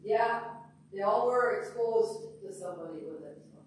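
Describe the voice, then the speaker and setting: A hoarse woman, her voice fading, keeps up chatty small talk at a middling pitch. She sounds far from the mic in a strongly echoing sanctuary, with faint hiss behind. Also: moderate pace. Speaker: congregant. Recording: echoey room, distant mic, faint hiss.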